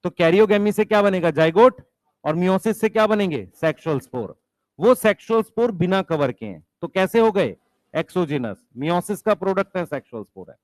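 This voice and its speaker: A man's voice: sits high, expressive, normal speed, darkish tone, no echo. A male biology teacher lecturing a class, mixing English science terms into Hindi, asking questions and answering them himself, and calling for the students' attention.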